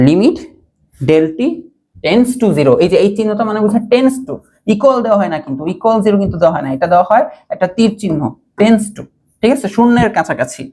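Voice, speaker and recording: A man's voice: high voice, warm tone, slight background noise. A young man teaching an online physics and math lesson. He repeats key points as questions, keeps checking that students follow, and mixes English math terms into casual speech.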